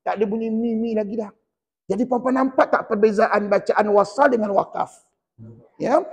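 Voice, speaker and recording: A man with a Malaysian Malay accent teaching Quran recitation in a mosque class, drilling and correcting students in a lively, teasing way. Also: sits high, normal speed, breathy edge, in a large hall.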